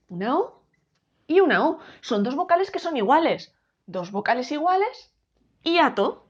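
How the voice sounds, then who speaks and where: A woman teaching a grammar lesson, explaining slowly and clearly, splitting words into syllables and speaking straight to viewers. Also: high voice, muffled recording. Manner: addresses viewers directly, asks rhetorical questions.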